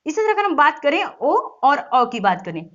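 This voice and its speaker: Woman teacher, high voice, patient step-by-step explaining, dull lo-fi audio. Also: sing-song, moderate pace, a bit bright. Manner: explaining step by step, repeating sounds aloud; frequent "thik hai" check-ins. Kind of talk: exam-prep lesson.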